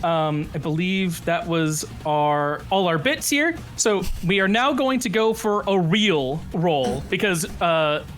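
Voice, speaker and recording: Guy game master, high voice, improvising the action, descriptive and animated. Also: takes it slowly, hardly any pauses, faint music behind. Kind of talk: improvised tabletop game narration.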